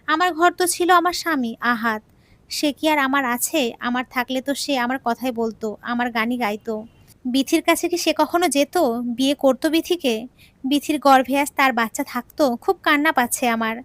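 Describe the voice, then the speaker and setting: A woman's voice: high-pitched, normal speed, fairly bright tone, no room sound. A woman telling an emotional audio story in the first person, earnest and sorrowful, on a close mic.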